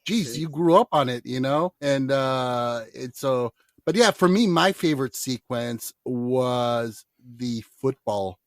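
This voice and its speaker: A man's voice: medium pitch, slow, no echo, studio quality. A man hosting a film podcast, chatting with enthusiasm and plenty of fillers and restarts. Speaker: podcast host. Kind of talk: casual chat.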